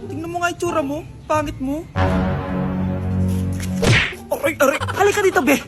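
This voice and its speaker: A woman's voice: high-pitched, moderate pace. A woman acting out comedic skits in a playful, teasing, mock-angry way. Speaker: comedy skit creator. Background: background music.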